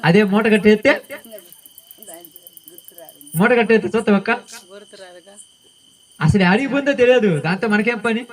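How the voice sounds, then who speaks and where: A man's voice: high-pitched, moderate pace, long pauses, poor audio. A male pastor preaching a sermon in a colloquial style, often putting questions to the congregation.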